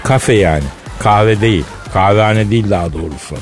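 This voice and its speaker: A man's voice: lowish voice, a little fast, faint music behind. A man hosting a radio show with casual, slangy, mock-indignant comedic banter.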